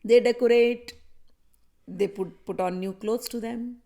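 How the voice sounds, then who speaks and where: Gravelly-voiced woman telling devotional stories. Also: fairly high pitch, fairly even intonation, a little slow, mellow. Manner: vivid storytelling, acts out characters' voices; speaks directly to listeners, conversational asides. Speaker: spiritual teacher leading a satsang. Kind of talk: devotional storytelling talk.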